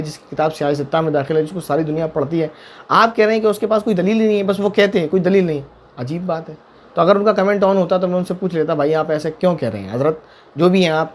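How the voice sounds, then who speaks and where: Male mufti, rapid delivery, slightly high voice, emphatic, rhetorical questions, religious Q&A. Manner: emphatic, repeats points, asks rhetorical questions. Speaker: mufti answering viewer questions. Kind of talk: religious Q&A talk.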